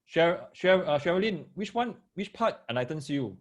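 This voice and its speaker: Speaking at a moderate pace in an animated, higher-side voice, a male maths tutor with a Singaporean accent and Singlish particles runs a live online lesson for parents and kids. He takes them through it step by step, repeats phrases and checks they're following.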